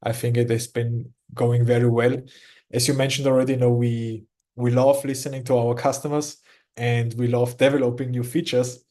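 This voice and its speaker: Guest exec, man with Austrian German accent, halting speech, mellow tone. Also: medium pitch, little pitch movement. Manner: halting, many restarts and repeated words. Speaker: company executive guest. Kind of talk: casual interview talk.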